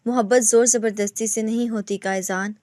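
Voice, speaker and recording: A woman's voice: fairly high pitch, steady tone, dark tone, dry recording, clean studio sound, lightly acted. A woman narrator playing a bitter young bride. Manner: cold, bitter.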